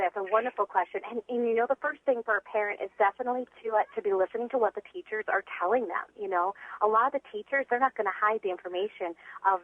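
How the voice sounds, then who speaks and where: A woman's voice: medium pitch, no echo. Woman reading tutor on a tinny phone line. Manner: enthusiastic, frequent fillers. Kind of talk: phone-in interview.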